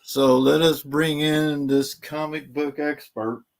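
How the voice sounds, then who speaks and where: A man's voice: fairly high pitch, level tone, takes it slowly, gravelly. A man hosting a casual livestream chat, teasing his co-hosts with mock indignation. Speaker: show host.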